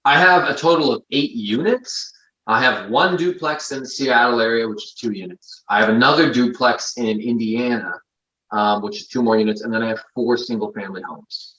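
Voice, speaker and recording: A man's voice: medium pitch, normal speed, a bit bright. A man in his thirties, a guest in a casual interview, explaining things confidently with lots of figures. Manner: confident, explanatory, numbers-focused. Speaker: guest investor. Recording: dull lo-fi audio.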